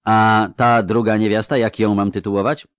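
A man's voice: fairly low pitch, little pitch movement, moderate pace, no room sound, studio quality, voice pushed up, lightly acted. A man voicing a reserved, terse male witcher in a read-aloud story.

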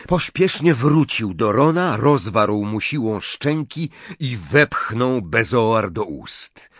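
A man narrating an audiobook in an expressive storytelling reading. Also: medium pitch, slightly rough, dry recording.

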